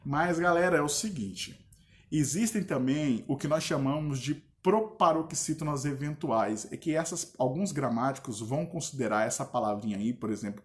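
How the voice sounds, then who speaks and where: A male teacher with a Brazilian Portuguese accent, giving a casual grammar lesson and checking in with his students often. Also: on the high side. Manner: relaxed, chatty, checks in with the class often.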